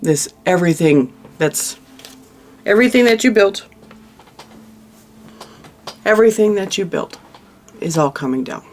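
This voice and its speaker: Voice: mid-range voice, animated, measured pace, long pauses. A tarot reader giving a monthly reading to the viewer, thinking aloud over the cards in a consoling, emotional way, with frequent restarts. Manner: frequent restarts and trailing-off phrases.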